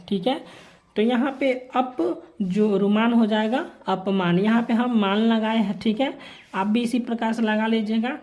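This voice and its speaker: Slow-paced woman teacher explaining answers. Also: medium pitch, darkish tone. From Bihar, India. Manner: slow, repeats formulaic phrases while writing answers. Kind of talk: homework answer walkthrough lesson.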